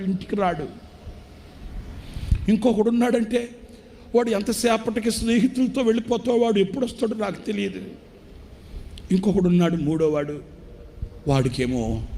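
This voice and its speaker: A man's voice: medium pitch, dark tone, a little hiss or hum, lightly acted. A man voicing a starving elderly retired man who weeps and begs for food in a trembling voice. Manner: weeping, begging, trembling voice.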